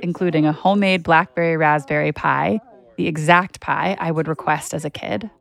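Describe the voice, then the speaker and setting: A woman's voice: sits low, fairly even intonation, normal speed, vocal fry, fairly bright tone. A woman hosting a podcast, narrating a personal story in a reflective, intimate way.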